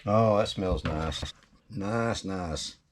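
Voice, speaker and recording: Folksy man, lowish voice. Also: drawn-out words, noisy background. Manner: folksy, chatty, talking to himself. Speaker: cooking video host. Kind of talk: casual recipe demonstration.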